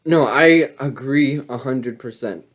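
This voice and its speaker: A man's voice: medium pitch, slow pace. A man hosting a casual gaming podcast, easygoing as he moves through listener questions. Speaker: podcast host.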